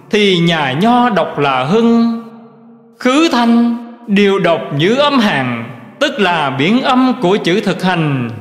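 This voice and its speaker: A man giving a slow, measured recitation of Buddhist teachings in a scripted reading style. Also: high-pitched. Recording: roomy recording with long reverb.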